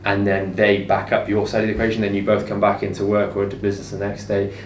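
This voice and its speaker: A man who owns a business and co-hosts a casual conversation explains his opinions in a fast, completely flat, lowish voice. The audio sounds echoey and noisy, picked up from a distant mic.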